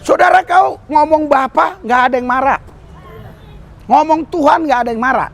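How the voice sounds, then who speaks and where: Male street preacher, high voice, exhorting, fond of calling for hallelujahs. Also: normal speed, creaky, a bit bright, faint music behind. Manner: exhorting, calls for amen and hallelujah, addresses the crowd as "saudara". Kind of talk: sermon. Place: outdoor service under a bridge.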